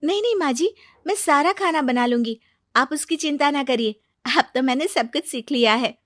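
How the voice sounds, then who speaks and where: Woman doing a soft-spoken young bride. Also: high-pitched, moderate pace, no echo, studio quality, voice pushed up. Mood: polite. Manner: soft, polite, apologetic. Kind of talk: cartoon story voice acting.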